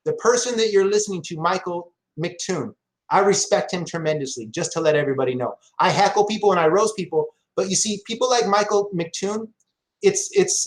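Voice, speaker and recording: Brief: man in his forties, high-pitched, combative debater, boastful, keeps calling people brother. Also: low-quality recording. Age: 40s. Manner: combative, boastful, repeatedly calls others brother. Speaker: debate guest. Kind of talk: heated online debate.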